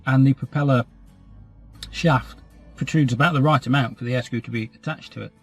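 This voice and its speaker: A British man from England with a cold, sounding slightly stuffy, speaks at medium pitch with fairly even intonation, a little fast and slightly rough. He rambles self-deprecatingly about his scale model hobby in a casual update chat, recorded on a camera mic over soft background music.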